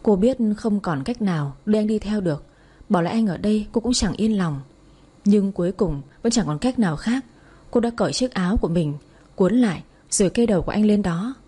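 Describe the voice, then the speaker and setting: A woman narrates a story in a soft, even storytelling voice. Her tone is dark and mellow, with a husky edge. She keeps a steady audiobook pace. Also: medium pitch, a little fast.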